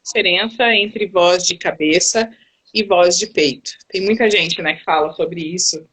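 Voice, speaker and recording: A woman's voice: fairly low pitch, fairly even intonation, unhurried, a bit bright, breathy edge. A woman singing teacher hosting a live stream, chatting casually and affirming her guest often. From Brazil.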